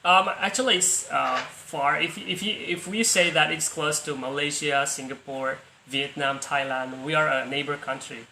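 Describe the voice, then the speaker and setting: In a casual practice video call he's hosting, a young Indonesian-accented man from Palu, Central Sulawesi, talks hesitantly, restarting often and laughing easily. His voice runs on the high side, pushed and bright with vocal fry, fairly even in intonation, at normal speed with few pauses. The room sounds echoey, with slight background noise.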